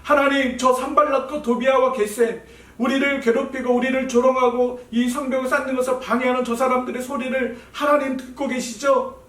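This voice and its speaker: A man's voice: extremely high pitch, flat delivery, fairly quick, a bit bright, voice pushed up. A man voicing an earnest male leader pleading with God in prayer, in a children's Bible story. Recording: roomy echo, voice heard from a distance.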